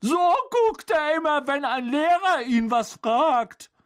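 A reader voicing a blunt, excitable teenage boy in an audiobook. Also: high-pitched, slow, pitched above the performer's own voice. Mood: bemused. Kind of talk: audiobook reading.

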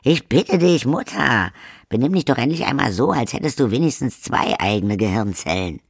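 Bratty vampire daughter, as a male reader puts her on, sharp loud scornful voice, dry storybook reading. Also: medium pitch, lively intonation, moderate pace, vocal fry, slightly rough, no echo. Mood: defiant. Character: sulky, scornful young vampire daughter, 200 years old.

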